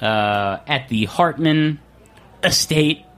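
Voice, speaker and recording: Excitable, rambling male radio host. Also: a little high, slow. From not from New York. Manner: excitable and rambling, restarts often. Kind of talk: casual radio chat. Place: radio studio in a restaurant.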